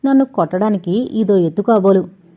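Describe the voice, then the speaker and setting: A woman voicing a calm young male doctor who teases good-humouredly. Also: mid-range voice, normal speed, narrow, tinny audio, close to an everyday voice. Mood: teasing.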